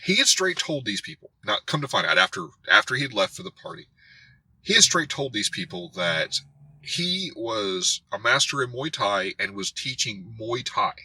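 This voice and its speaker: A man who hosts a karate channel, telling a story as a rant to camera in an animated way and acting out others' voices. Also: lowish voice, normal speed, slightly rough, poor audio. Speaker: karate instructor and channel host.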